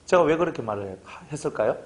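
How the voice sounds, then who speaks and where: A pastor giving a casual sermon, telling stories and acting out both sides of conversations. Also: male voice, on the high side, quick pace. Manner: lively storytelling preacher, acts out dialogue.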